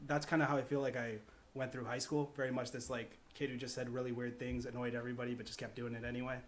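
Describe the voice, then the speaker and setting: Talking quickly and with flat delivery, a mid-range-voiced man rambles conversationally as a podcast guest, laying out his ideas in a casual chat. The recording is clear but has background noise.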